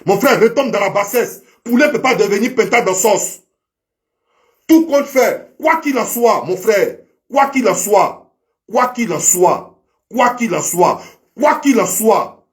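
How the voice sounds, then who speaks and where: A man delivering a preachy, repetitive monologue to a fellow online commentator, heavy with proverbs and addressing him as brother. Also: high-pitched. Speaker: social media commentator. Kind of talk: impassioned monologue to camera.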